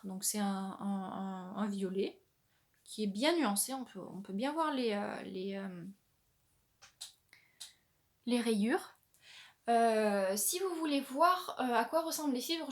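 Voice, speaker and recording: Chatty woman, hesitant, slightly high voice. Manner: chatty, hesitant, many fillers and restarts. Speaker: knitting podcast host. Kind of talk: casual show-and-tell chat.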